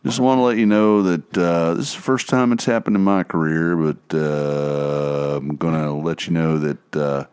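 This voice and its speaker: A man imitating an airline pilot's cabin announcement, drawling in a flat monotone with many pauses. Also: very deep voice, clear, resonant tone, dry recording. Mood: deadpan. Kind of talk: casual podcast chat, impression.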